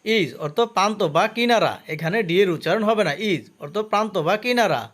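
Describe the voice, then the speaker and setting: A man's voice: high voice, animated, a bit bright. A man teaching English vocabulary, saying each word and its meaning twice and stopping to explain the pronunciation. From Bangladesh. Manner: slow, careful drill with pronunciation notes.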